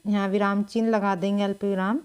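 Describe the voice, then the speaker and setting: A woman teaching a grammar lesson, explaining step by step with long pauses and clearing her throat now and then. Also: mid-range voice, flat delivery, a little mellow. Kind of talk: slow board-writing lesson.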